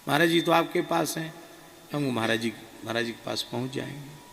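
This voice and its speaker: A man with a gravelly, mid-range voice recounts a spiritual experience slowly and earnestly. He sounds like he is in a large hall with a long reverb and a faint ambient hum behind him. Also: medium pitch, fairly bright tone. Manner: slow, earnest and subdued. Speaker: monk telling a spiritual experience. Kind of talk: devotional storytelling.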